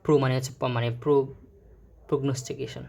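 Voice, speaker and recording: A man teaching English vocabulary in a casual, explanatory way, often pausing on fillers and correcting himself. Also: medium pitch, flat delivery, gravelly, mellow. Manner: explains words slowly, with many fillers and self-corrections.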